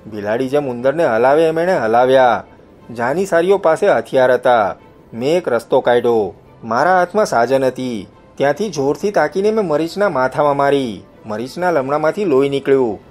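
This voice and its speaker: A man reading a novel aloud as an audiobook narrator, telling it in first person and lifting his voice for the shouted lines. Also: mid-range voice, expressive, normal speed, faint music behind.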